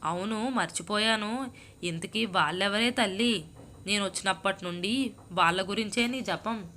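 A woman's voice: mid-range voice, moderate pace, a little hiss or hum, natural voice. Woman reading a puzzled patient friend. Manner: gently questioning, baffled. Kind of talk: storybook reading.

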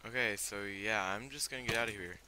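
A man's voice: lowish voice, a little fast, sharp tone, a little hiss or hum. A teenage boy with a fever giving casual, rambling commentary on his game, full of fillers and startled reactions. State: sick with fever. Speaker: gamer.

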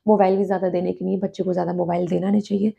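A woman hosting a casual family vlog from home, talking softly and slowly so she won't wake the sleepers. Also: on the low side, level tone, gravelly, breathy edge, dull audio. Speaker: family vlogger. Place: home, indoors.

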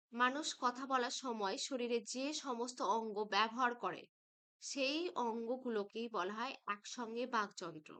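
A woman teaching a school grammar lesson, patient and slow, stretching out syllables as she breaks words apart. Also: a little high, sharp tone.

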